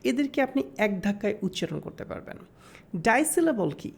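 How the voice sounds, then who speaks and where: Woman, grammar teacher, recorded lesson, step-by-step explaining, slows to sound out words. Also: medium pitch, big pitch swings, gravelly, husky. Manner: explains step by step, mixing in English terms.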